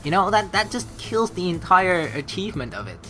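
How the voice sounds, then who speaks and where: With game music playing underneath, this streamer rambles emphatically through his let's play, reading in-game text aloud and cursing occasionally. He talks a little fast in a high, sing-song voice that sounds bright and forceful.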